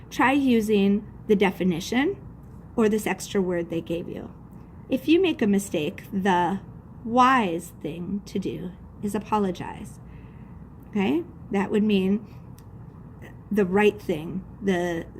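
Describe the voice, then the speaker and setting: A woman teacher talks through a lesson in a patient, step-by-step way. She spells out words letter by letter and checks each step aloud. Her voice sits at a middle pitch, with a faint hiss of noise behind it. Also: a little mellow. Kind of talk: classroom lesson demonstration.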